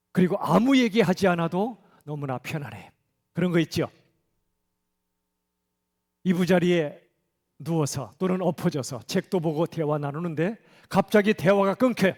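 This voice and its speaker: Male pastor, middle-aged, high voice, conversational sermon, church hall echo. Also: a little mellow. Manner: conversational, asks the congregation questions. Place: church sanctuary.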